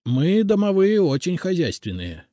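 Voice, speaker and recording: Man voicing a timid little male house spirit, higher and lilting, deferential, audiobook. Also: big pitch swings, measured pace, dark tone, dry recording, clean studio sound. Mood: earnest. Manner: mumbling, deferential. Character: small humble male house spirit, shy and eager.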